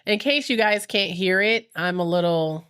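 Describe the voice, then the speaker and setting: A woman in her thirties with a stuffy, congested nose, hosting a casual podcast with animated, teasing banter. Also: mid-range voice, moderate pace, clean tone. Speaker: podcast host.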